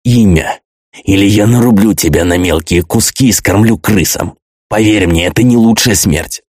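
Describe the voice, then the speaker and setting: A merciless young male avenger, as the audiobook reader voices him, cold and unhurried. His low voice stays flat and detached, never rising. Close, dry studio sound. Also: no echo, close to an everyday voice.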